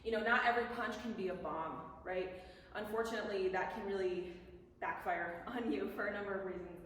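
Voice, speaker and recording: A woman's voice: mid-range voice, fairly quick, a bit bright. A woman giving casual, conversational instruction as a boxing coach. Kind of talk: instructional talk on bag drills. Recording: echoey hall, distant mic, faint noise.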